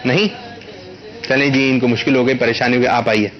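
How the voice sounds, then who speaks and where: A man hosting a children's quiz in a studio, coaxing the kids patiently and stretching words out slowly when he teaches. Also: medium pitch, steady tone, muffled recording, soft background music. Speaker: quiz show host for children.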